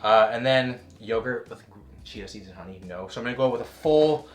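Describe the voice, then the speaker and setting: A man's voice: medium pitch, lively intonation, fairly quick. A young man chatting casually and jokingly in a fitness vlog, explaining diet tips. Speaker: fitness vlogger.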